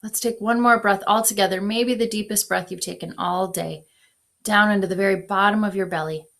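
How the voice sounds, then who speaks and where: A woman leading a guided breath prayer in a devotional video, giving calm, unhurried guidance. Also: medium pitch, vocal fry. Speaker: devotional leader.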